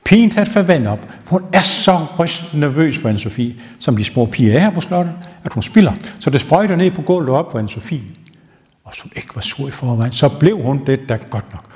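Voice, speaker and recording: A male castle tour guide telling ghost stories to visitors as a lively storyteller who builds suspense. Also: a little high. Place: castle rooms and wine cellar, indoors. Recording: long reverb in a stone castle room.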